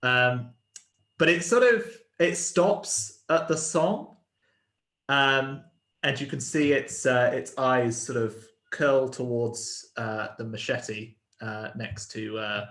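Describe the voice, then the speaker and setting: Male game master, halting descriptive narration, mid-pitched, reverberant room sound. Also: a bit bright. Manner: hesitant, many fillers and "sort of".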